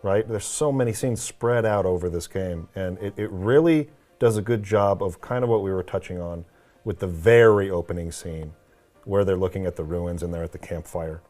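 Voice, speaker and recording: An easygoing man with a somewhat low voice, casually recapping game scenes. He agrees readily and fills pauses with small hesitations. Soft music sits in the background. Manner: easygoing, agreeable, many fillers of yeah and um. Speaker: co-host discussing a video game. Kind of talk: casual chat.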